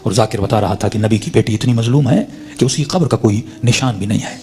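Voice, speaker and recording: A man's voice: on the low side, a little mellow. A man preaching, telling a religious story as a sermon in a dramatic way, his voice swelling on the emotional peaks.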